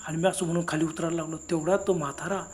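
A man telling a first-person ghost story in a hushed, dramatic way, often dropping to a near whisper. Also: fairly high pitch, flat delivery, racing, a little hiss or hum. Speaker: horror storyteller and channel host.

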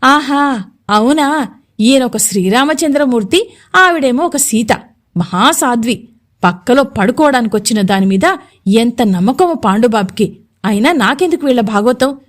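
A woman voicing a scheming lowly male servant who fawns and pleads with his master in an audio story. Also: lively intonation, normal speed, lightly acted. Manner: fawning, pleading, gossipy.

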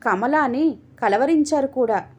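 A woman's voice: high voice, unhurried, pitched above the performer's own voice. A woman voicing a hurt young wife. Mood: indignant. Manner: hesitant, then bitter. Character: young wife, timid but indignant.

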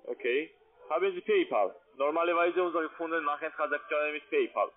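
A man with a fairly high voice speaks briskly as a call centre sales agent; he is not a native German speaker. His phrasing is pushy and ungrammatical, and the call comes through a narrow, tinny phone line.

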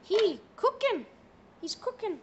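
In this goofy skit, a young man plays Mickey Mouse as a crude cook, handling a plush toy and bumbling through the recipe with plenty of swearing. He drawls slowly in a heavily acted, sing-song voice that is very high, squeaky and full of pitch swings. The sound is lo-fi, from a noisy home video.

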